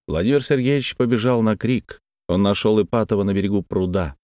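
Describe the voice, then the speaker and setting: Low-voiced man reading a classic novel. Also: no echo, studio quality. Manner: measured, expressive reading. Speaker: narrator. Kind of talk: scripted literary narration.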